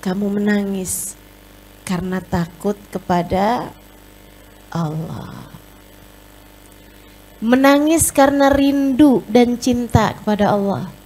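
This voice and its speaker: A woman's voice: mid-range voice, takes it slowly, pauses often, dark tone, slight background noise. A woman giving an emotive sermon as a religious teacher, addressing her listeners as friends and sisters.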